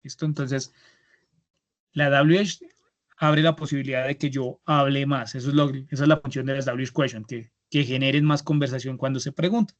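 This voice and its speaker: A man with a Colombian accent teaching an online English class, patient and repetitive, slowing down for model phrases. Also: medium pitch, steady tone. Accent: Colombian Spanish. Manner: patient, repeats words, slow model phrases. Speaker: English instructor. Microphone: computer mic on a video call. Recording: lo-fi video call audio.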